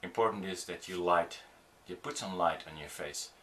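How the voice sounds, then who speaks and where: Low-voiced man teaching on camera. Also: a bit bright. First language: Dutch. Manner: halting, many ums and restarts, demonstrative. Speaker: audiovisual producer teaching on-camera skills. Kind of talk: informal video tutorial.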